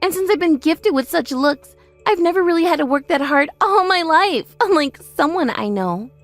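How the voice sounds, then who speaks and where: A woman's voice: very high voice, lively intonation, moderate pace, no echo, faint music behind. A woman playing a boastful, mocking older sister in her thirties in a scripted audio story, with a haughty, taunting manner. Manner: haughty, taunting, self-praising.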